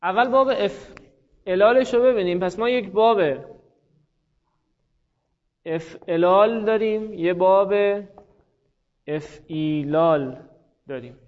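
A male teacher giving a classroom grammar lesson, explaining step by step, repeating forms slowly and quizzing students by name. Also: high voice, muffled recording.

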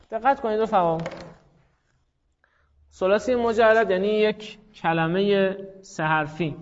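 A man teaching a grammar class, explaining step by step and asking his students rhetorical questions. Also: sits high. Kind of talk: classroom lecture. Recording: dull recording in a reverberant room.

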